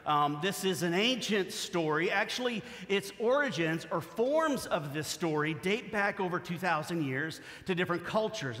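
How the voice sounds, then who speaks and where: Male pastor, middle-aged, higher voice, casual sermon delivery in a hall with long reverb. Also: fairly bright tone. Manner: conversational, self-correcting, asks congregation to respond. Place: church sanctuary.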